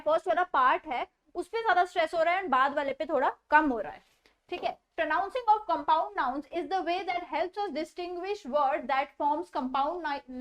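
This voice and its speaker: A young woman teaching an online English grammar lesson, explaining in Hindi and reading English examples slowly and carefully. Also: sits high. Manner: mixes Hindi explanation with slow deliberate English.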